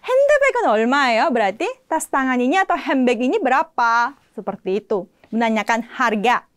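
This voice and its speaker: A woman teaching an online language lesson, speaking lively and repeating phrases slowly and clearly for learners. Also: on the high side, dry recording, studio quality. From Indonesia.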